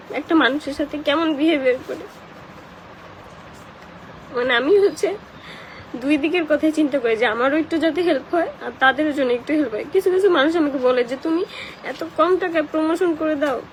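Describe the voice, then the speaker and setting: On a live stream, a young Bangladeshi-accented woman who does paid promotions answers comments in casual chat, crying and emotional as she talks. Her voice is high, and the low-quality recording has slight background noise.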